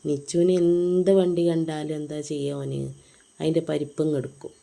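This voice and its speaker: A woman with a Malappuram Malayalam accent chats casually with viewers in a family vlog filmed at home. Her voice is deep, creaky, and mellow, steady in tone and at a normal pace, and she sprinkles in tag words as she talks to her audience.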